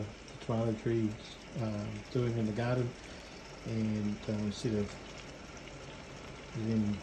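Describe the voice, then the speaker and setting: Amid background noise, a New Zealand home cook with a low voice gives a casual cooking demonstration in his kitchen. He sounds informal and hesitant, thinking aloud as he goes.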